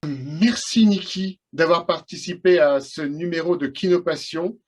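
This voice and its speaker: Slightly high-voiced male show host. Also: unhurried, slightly rough. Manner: hesitant, many fillers when asking. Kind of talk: interview hosting.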